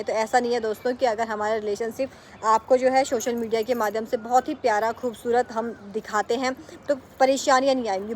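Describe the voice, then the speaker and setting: Casual young woman vlogger, bit high-pitched, rambly and friendly to viewers, outdoors with some faint noise. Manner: chatty, addresses viewers as friends, rambling with self-corrections. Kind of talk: casual vlog chat to camera. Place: rooftop, outdoors.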